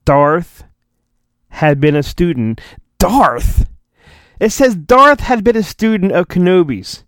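This podcast host, animated and higher-pitched, moves slowly through a storybook, jumping from exaggerated theatrical narration to sarcastic, meandering commentary with lots of pitch movement. It's recorded close and dry, with no room sound.

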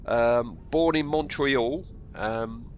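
A man with a cold hosts a casual film podcast, his nose audibly bunged up as he reads out actor trivia in a hesitant, rambling manner, often repeating himself. His voice is mid-range and very slow. The lo-fi recording carries slight background noise.

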